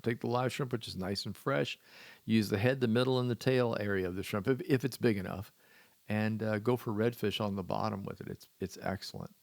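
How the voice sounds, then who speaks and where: A man with a fairly low voice talks through fishing tips as a podcast host. He is folksy and wry, joking at his own expense as he goes. The sound is dry and close, with no room around it. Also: gravelly, dry recording. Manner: folksy, wry, self-deprecating humor. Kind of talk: solo podcast tips talk.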